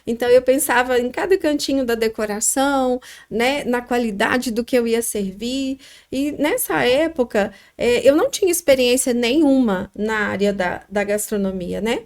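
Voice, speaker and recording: With a somewhat mellow voice on the high side, a middle-aged Brazilian woman from Minas Gerais describes founding her restaurant on a podcast. Her regional accent is clear, and she speaks pensively, pausing often with filler words.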